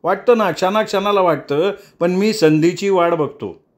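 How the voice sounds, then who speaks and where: A male narrator voicing a young man who makes quiet, vengeful threats in a spoken novel. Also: sits high, moderate pace, pitched above the performer's own voice, natural voice. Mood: menacing.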